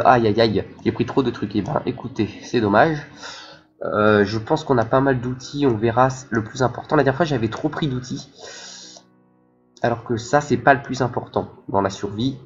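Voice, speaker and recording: Guy doing let's play commentary, thinks out loud, lots of ums, kinda dull lo-fi audio, quiet music behind. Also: mid-range voice, moderate pace. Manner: thinking aloud, hesitant, many fillers. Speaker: gaming channel host.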